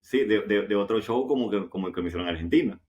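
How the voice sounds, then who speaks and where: A man with a fairly deep voice and a Dominican Caribbean Spanish accent. He recounts anecdotes casually, like a guest in an interview. He often repeats a phrase or asks a rhetorical question before carrying on. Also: fast talker, a little mellow. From Dominican Republic. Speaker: interview guest, professional football goalkeeper.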